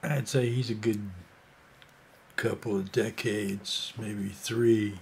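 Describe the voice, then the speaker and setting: A man's voice: lowish voice, steady tone, slow pace, creaky, a little hiss or hum. A man in his sixties telling a rambling, casual story full of fillers and asides. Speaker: vlogger.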